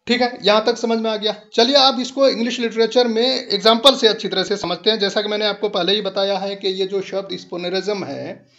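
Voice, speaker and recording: A man's voice: high voice, lo-fi sound. A man teaching a lecture-style lesson, explaining step by step and mixing English terms into his speech.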